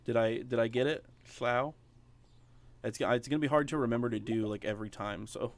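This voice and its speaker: A man's voice: mid-range voice, steady tone, fast. A man streaming a farming game, chatting casually with viewers and using lots of fillers. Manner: chatty, talks to viewers while playing, many fillers. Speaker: gaming streamer. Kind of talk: casual let's play chat.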